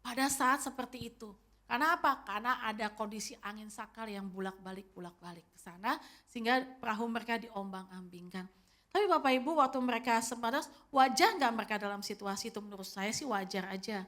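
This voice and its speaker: A woman's voice: on the high side, fairly quick, fairly bright tone. A woman in her fifties preaching a sermon as pastor, telling the story directly to her congregation. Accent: Indonesian. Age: 50s.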